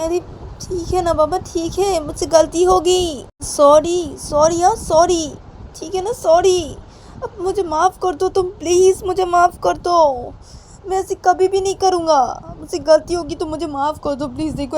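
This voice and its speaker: A woman's voice: sits high, darkish tone, a little hiss or hum, voice pushed up, natural voice. A woman voicing a husband who keeps pleading and apologizing. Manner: begging, apologetic. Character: Sona's father, a pleading, apologetic man.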